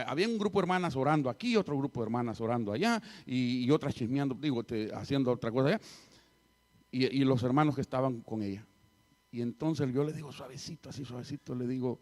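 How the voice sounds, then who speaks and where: A middle-aged man preaching a sermon as pastor, telling a story and swinging from loud passages to hushed ones. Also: mid-range voice.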